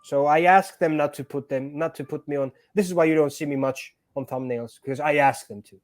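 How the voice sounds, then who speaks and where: Earnest higher-voiced male guest. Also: a little fast. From born in Georgia, raised in Greece. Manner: earnest, repeats words while finding phrasing. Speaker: guest actor and stuntman. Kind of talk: casual interview chat.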